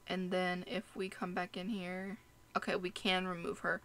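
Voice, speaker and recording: A woman's voice: fairly low pitch, level tone, moderate pace, fairly bright tone. A young woman casually commenting on her life-sim gameplay at home, rambling and talking to her game characters. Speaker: gaming YouTuber. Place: home room. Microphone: desk mic with headphones.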